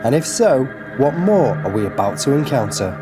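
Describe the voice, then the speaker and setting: A man's voice: mid-range voice, sing-song, moderate pace. A man reading scripted, suspenseful narration for a paranormal investigation video. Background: music.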